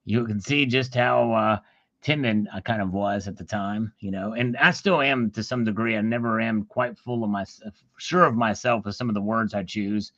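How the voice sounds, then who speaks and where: Gravelly bright-voiced man, hesitant. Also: lowish voice, normal speed, no echo, dull audio. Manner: hesitant, stops to search for words. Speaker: guest YouTuber. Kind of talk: casual livestream chat.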